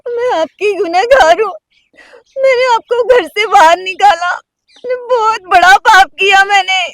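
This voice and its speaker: An actress playing a middle-aged village wife, emotional and pleading, in a short drama. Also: female voice, very high-pitched, measured pace, fairly bright tone, no room sound, full character voice. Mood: tearful. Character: wronged wife, fierce then remorseful. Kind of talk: village short-film acting.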